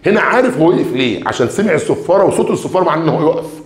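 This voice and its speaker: Lively Egyptian teacher in an echoey room. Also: male voice, fairly high pitch, very fast. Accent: Egyptian Arabic. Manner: lively, stretches out key words one by one while reading questions; addresses students directly, calls for blessings on the Prophet. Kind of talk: exam revision lesson.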